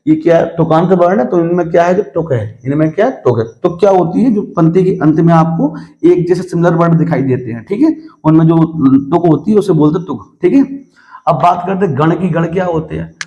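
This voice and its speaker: A man's voice: fairly high pitch, warm tone, highs cut off. A man teaching Hindi grammar to students, often checking in with "theek hai" and asking questions that he answers himself. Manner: recites verse slowly and deliberately. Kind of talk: classroom-style lesson.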